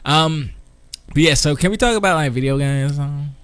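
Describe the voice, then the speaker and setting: A man's voice: on the high side, moderate pace, fairly bright tone, smooth, no echo. A man co-hosting a casual gaming stream, slangy and playfully trash-talking. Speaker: stream co-host.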